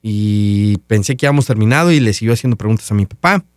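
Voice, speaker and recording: A man's voice: lowish voice, fast talker, dry recording, clean studio sound. Man telling a story. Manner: animated retelling that acts out dialogue. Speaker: podcast host. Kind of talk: casual personal storytelling.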